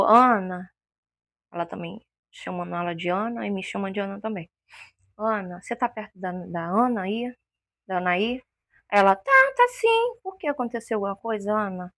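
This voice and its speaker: A woman's voice: mid-range voice, dry recording, studio quality. A woman giving an emotional personal testimony as an interview guest, a vivid storyteller who acts out the voices she quotes.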